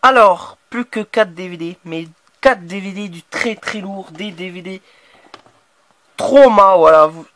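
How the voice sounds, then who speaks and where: A man's voice: high-pitched, a little slow, fairly bright tone. A man with a French accent chatting casually about horror DVDs he bought, stumbling over words and sounding enthusiastic. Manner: hesitant, many restarts and fillers, enthusiastic. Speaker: horror DVD collector showing his purchases. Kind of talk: casual unboxing chat.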